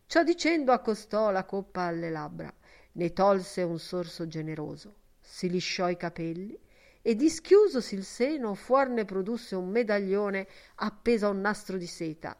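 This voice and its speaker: A woman narrates a classic novel as an audiobook. Her reading is measured and expressive, with a middle-pitched voice.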